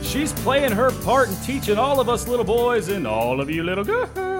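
A zany ringmaster performed by a man hypes up the crowd in a high, swooping voice. He stretches his words like a showman and tumbles into silly rhymes, with faint music behind him. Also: fairly bright tone, exaggerated voice. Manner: ringmaster-style showman announcing, drawn-out words and nonsense rhymes. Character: zany carnival ringmaster hype man, loud and goofy. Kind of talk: theatrical show intro announcement.

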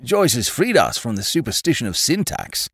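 A man's voice: medium pitch, very animated, moderate pace, fairly bright tone, breathy edge, dry recording, studio quality, pitched above the performer's own voice. A man voicing a large, earnest bohemian man talking literary theory. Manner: earnest, declaiming.

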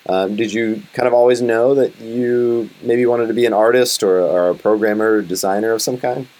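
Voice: medium pitch, fairly even intonation, normal speed, a little mellow. A podcast host talking casually in an interview, rambling with many fillers and restarts.

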